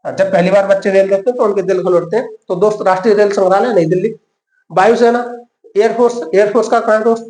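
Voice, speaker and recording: High-voiced man teaching exam facts, echoey. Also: darkish tone. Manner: quizzes the viewer, answers his own questions, calls the viewer friend. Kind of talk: exam-prep lesson with memory tricks.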